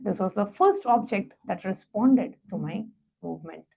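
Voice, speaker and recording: A woman presenting a devotional satsang, reading a story aloud and then giving step-by-step guided instructions in a measured, reverent way. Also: mid-range voice, animated, vocal fry, dark tone, breathy edge, low-quality recording.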